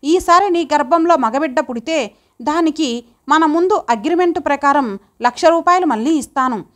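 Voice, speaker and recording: A woman's voice: high-pitched, moderate pace, a bit bright. A woman voicing a wealthy, stern middle-aged husband who talks in a blunt, commanding way. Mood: curt.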